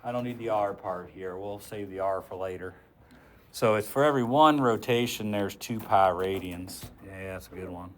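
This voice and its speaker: A man's voice: low voice, moderate pace, fairly bright tone, slight background noise. A man teaching a physics class, joking with students while talking step by step through a worked example. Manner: joking, chatty, talks through arithmetic step by step. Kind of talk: classroom lecture, working an example.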